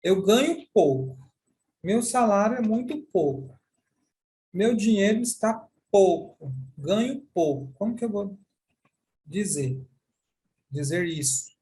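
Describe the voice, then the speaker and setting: Brazilian guy teaching a class, slow and careful, lots of examples. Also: high voice, expressive, warm tone. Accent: Brazilian Portuguese. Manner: slow, deliberate, explains with repeated examples. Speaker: sign language teacher. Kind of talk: online class explanation.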